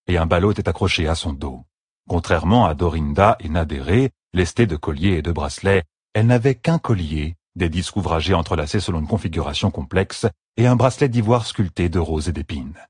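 A man narrating a fantasy novel in a measured, expressive reading. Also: deep voice, husky, no room sound, studio quality. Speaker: audiobook narrator.

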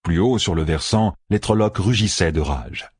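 A man narrating an audiobook with expressive storytelling. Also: sits low, moderate pace, husky, dry recording, studio quality. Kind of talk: scripted narration.

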